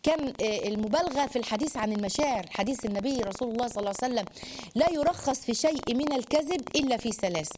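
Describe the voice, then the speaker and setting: Rapid animated Egyptian woman lecturer. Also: a little high, noisy background. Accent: Egyptian Arabic. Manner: animated, rapid, acts out quotes in dialogue. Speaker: Islamic lecturer. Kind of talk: religious lesson on marriage.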